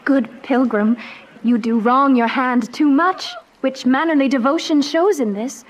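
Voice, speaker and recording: High-voiced lovestruck young girl. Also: a little slow, slight background noise, poor audio. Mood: tender, coy. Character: lovestruck noble teenage girl, earnest and tender. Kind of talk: Shakespearean radio drama acting.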